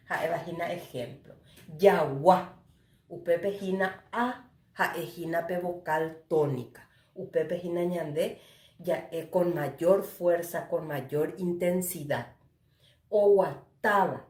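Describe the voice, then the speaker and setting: Slow Paraguayan woman teacher lecturing. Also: lowish voice, darkish tone, roomy sound. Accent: Paraguayan Spanish. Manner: slow didactic, mixing Spanish and Guarani, tag questions. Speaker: university Guarani teacher. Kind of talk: recorded lecture.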